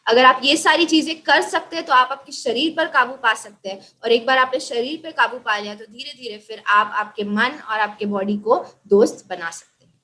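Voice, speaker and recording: A woman's voice: on the high side, steady tone, moderate pace, bright, forceful tone. A woman hosting a virtual gathering over a video call, fluently explaining and translating the speaker's points. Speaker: host and interpreter.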